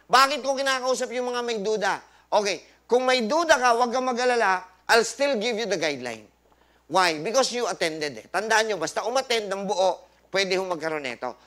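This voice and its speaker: A man's voice: high-pitched, lively intonation, moderate pace, sharp tone. A man hosting a health forum as a doctor, lecturing a live audience with rhetorical questions, scripture quotes and jokey asides, mixing English into Tagalog.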